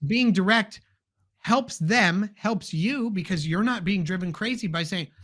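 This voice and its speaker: A man's voice: sits high, a little slow, fairly bright tone. Middle-aged man telling parenting stories. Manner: storytelling, acting out family dialogue. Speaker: podcast co-host. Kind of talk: casual podcast chat.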